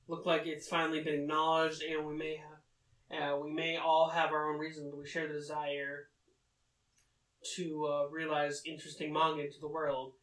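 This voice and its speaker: A man's voice: a little high, monotone, normal speed, fairly bright tone, natural voice. A man reading the lines of a stern veteran male manga editor in a solemn, lecturing way. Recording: roomy, distant mic.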